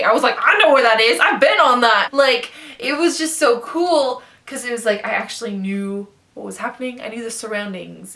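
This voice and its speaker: A young woman in a casual book review vlog, gushing and animated, with lots of filler words. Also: fairly high pitch. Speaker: book vlogger.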